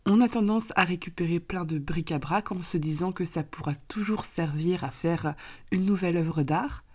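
Female advice vlogger, lowish and raspy, hoarse from recent illness, didactic step-by-step delivery. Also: moderate pace, darkish tone. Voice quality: raspy, gravelly voice. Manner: didactic, step-by-step explaining with examples. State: getting over an illness, hoarse with occasional coughing. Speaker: minimalism coach and author, presenter. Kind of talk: advice vlog, explanatory talk.

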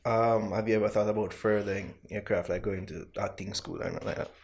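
Very deep-voiced Jamaican woman, teasing. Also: fairly even intonation, fast talker, darkish tone. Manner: teasing, blunt. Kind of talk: casual banter.

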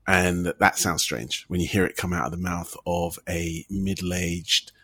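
Brief: Canadian man, dry and reserved, lowish husky voice, podcast co-host. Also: little pitch movement, a little slow, sharp tone. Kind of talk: casual podcast chat.

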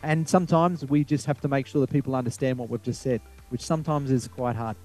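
A man's voice: medium pitch, fairly even intonation, quick pace, darkish tone, faint music behind. A man with an Australian accent answering informally as an interview guest, enthusiastic and explanatory.

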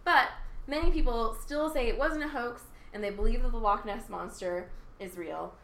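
With a fairly high, slightly bright voice at normal speed, a young woman rambles through a relaxed podcast conversation as co-host. She leans on plenty of fillers and tosses in laughing asides. Faint noise and room echo are audible.

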